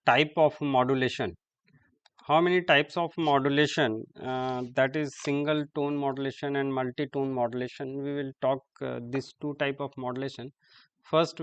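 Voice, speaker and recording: A man giving a classroom lecture, halting and repeating terms as he writes on the board. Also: on the high side, clean tone, dull audio.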